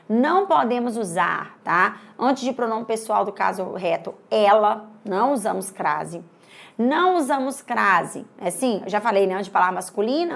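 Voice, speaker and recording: Gravelly-voiced Brazilian woman teaching. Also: mid-range voice. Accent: Brazilian Portuguese. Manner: chatty, keeps asking "tá vendo?" and "né?". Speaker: Portuguese teacher. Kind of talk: exam-prep lecture.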